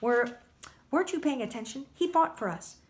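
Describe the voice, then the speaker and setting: A woman reading aloud as an earnest, eager schoolgirl who speaks in a hushed tone. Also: sits high, expressive, normal speed, voice pushed up.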